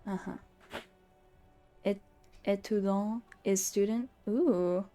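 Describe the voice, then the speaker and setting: A woman's voice: medium pitch, steady tone, slow pace, dark tone, faint music behind. A woman streamer casually commenting as she plays a game, in a playful, chatty way.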